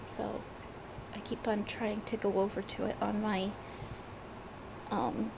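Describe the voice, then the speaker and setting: This gaming streamer has a head cold and chats casually before a gameplay session, hesitating, restarting and filling gaps with fillers. Her mid-range voice is gravelly and flat, moving slowly over background noise.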